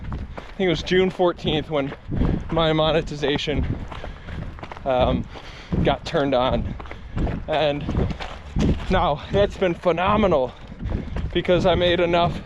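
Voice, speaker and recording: Through muffled sound and clear outdoor wind noise, a man reflects candidly as he runs. He talks very slowly, in short halting phrases, as a vlogger confiding to camera. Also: on the high side. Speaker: running vlogger. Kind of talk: reflective vlog talk while running. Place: outdoors, out on a run.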